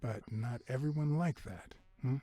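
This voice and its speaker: A man voicing a wry, hard-boiled noir detective in a video game, with a husky, gravelly voice. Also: mid-range voice, a little slow, warm tone, no echo, soft background music, close to an everyday voice. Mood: probing, cool.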